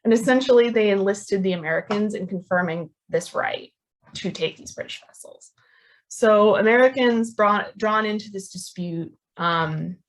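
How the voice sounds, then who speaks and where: Woman, history lecturer, lower voice, halting and filler-heavy delivery. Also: low-quality recording. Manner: hesitant, many ums and restarts. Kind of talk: academic talk.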